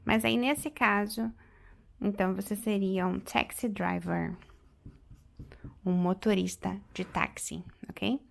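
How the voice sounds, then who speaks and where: Slow, gravelly-voiced woman teacher. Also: mid-range voice, fairly even intonation. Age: 30s. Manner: explains step by step, repeats English phrases slowly. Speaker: English teacher. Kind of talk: online vocabulary lesson.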